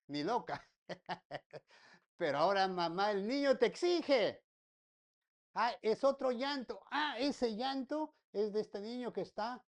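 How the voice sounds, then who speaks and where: A medium-pitched woman pastor preaches a sermon, repeating her points and tossing rhetorical questions and folksy jokes to the congregation.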